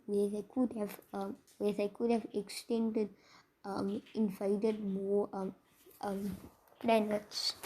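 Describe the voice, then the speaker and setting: Brief: sleepy woman narrating an improvised fan story, slow, rambling, gravelly, husky. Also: medium pitch, a little mellow, slight background noise. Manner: rambling, tired, many restarts. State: tired.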